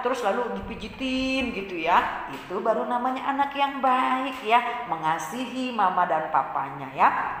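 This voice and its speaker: A woman teaching a children's Bible lesson in a gentle, patient way, often repeating points and checking in with "ya". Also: mid-range voice, slight background noise. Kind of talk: Sunday-school lesson for children. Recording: echoey room with long reverb.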